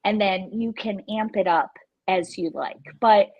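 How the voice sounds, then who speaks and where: A woman's voice: medium pitch, measured pace, muffled recording. A woman chef teaching a live virtual cooking class over a video call, chatty and playful in her instructions.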